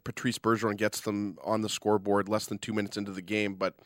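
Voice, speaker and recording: A man's voice: lowish voice, little pitch movement, quick pace, no echo, clean studio sound. A man co-hosting sports radio with conversational hockey analysis. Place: radio studio.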